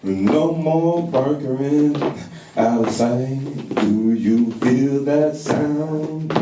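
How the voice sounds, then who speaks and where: A young man performing a spoken-word poem in a workshop room with a slow, chanting sing-song delivery. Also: mid-range voice, heavy background noise. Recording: roomy, far from mic, loud music.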